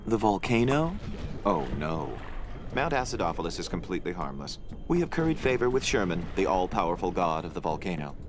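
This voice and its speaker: An actor playing a polite, officious cannibal islander in a comic adventure game, speaking deadpan like a tour guide. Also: male voice, deep voice, brisk. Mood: earnest storytelling. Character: civil, polite male cannibal islander villager with modern tastes.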